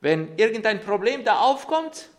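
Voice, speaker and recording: High, lively-voiced male pastor preaching. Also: moderate pace. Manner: storytelling, with hesitant fillers and restarts. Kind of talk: sermon.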